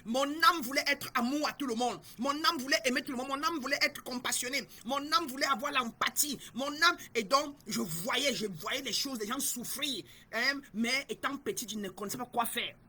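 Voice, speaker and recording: A woman's voice: sits high, moderate pace, few pauses, bright, forceful tone, breathy edge. A middle-aged woman from Cameroon, a spiritual guide giving an emphatic, repetitive teaching talk and speaking straight to her listeners.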